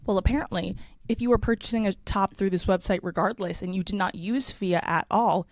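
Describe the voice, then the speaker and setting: A woman co-hosting a casual chat podcast, hoarse with morning voice, leading into each story with lots of filler words. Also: mid-range voice, brisk, no room sound. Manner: leads into stories, lots of fillers. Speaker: podcast co-host.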